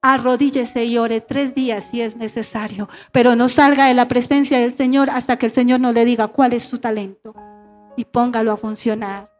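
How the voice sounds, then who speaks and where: A woman's voice: fairly high pitch, flat delivery, normal speed, faint music behind. A middle-aged woman pastor preaching a sermon and calling on her congregation to repeat phrases after her. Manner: call-and-response preaching, asking the congregation to repeat. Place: church sanctuary.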